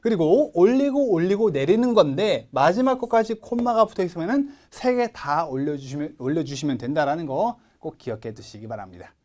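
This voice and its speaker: Animated Korean-accented male teacher. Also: on the high side. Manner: emphatic, drills pronunciation by reading words slowly for repetition; asks questions and answers them himself. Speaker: English test-prep teacher. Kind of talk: recorded lecture.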